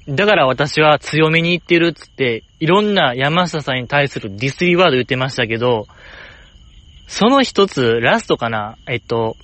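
A man with a Kansai accent chatting alone in a rambling, jokey way, jumping up in pitch to stress a point. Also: a bit bright, dry recording. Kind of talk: casual solo chat.

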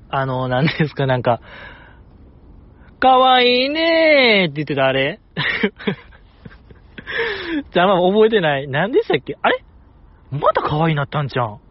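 Kansai-accented male podcast host, lively and chatty, raised pitch, a bit of a dull lo-fi recording. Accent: Kansai Japanese. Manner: lively, chatty, repeats himself for emphasis. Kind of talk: solo casual chat.

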